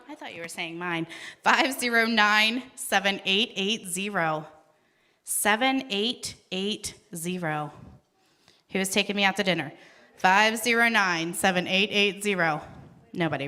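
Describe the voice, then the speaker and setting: A woman's voice: mid-range voice, pushed and bright. A woman calling out raffle ticket numbers at a live event, with playful, chatty asides between the numbers. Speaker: raffle caller at a celebration event.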